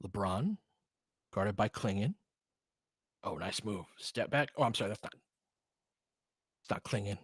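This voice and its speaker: A male host with a lowish, husky voice provides informal live basketball commentary, talking with fans and calling plays in clipped phrases. He keeps a measured pace and pauses often, and the recording is dry with clean studio sound.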